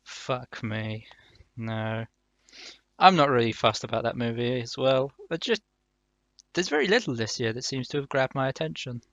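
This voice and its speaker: A man's voice: medium pitch, animated, moderate pace, fairly bright tone, dry recording, muffled recording. A man co-hosting a podcast, making wry, joking comments in casual chat.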